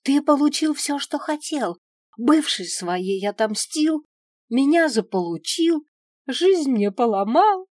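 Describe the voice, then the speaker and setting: A woman's voice: a little high, takes it slowly, a little mellow, no room sound, studio quality, pitched above the performer's own voice. A woman reading the young teenage heroine of an audiobook, who snaps in resentful outbursts. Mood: angry, tearful. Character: young teen witch girl, sulky and hot-tempered.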